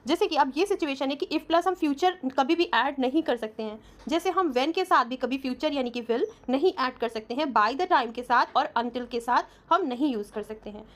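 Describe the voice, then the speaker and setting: A woman teaching an English grammar lesson, patiently explaining step by step and reading out slow English example sentences. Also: sits high.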